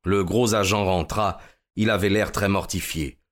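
An actor narrating a detective case as the detective's male companion, in a measured storytelling way. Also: low voice, steady tone, close to an everyday voice. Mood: calm. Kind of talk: scripted narration.

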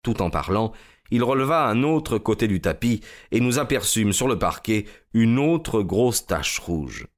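An actor narrating a detective case as the detective's male companion, in a measured storytelling way. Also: lowish voice, big pitch swings. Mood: calm. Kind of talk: scripted narration.

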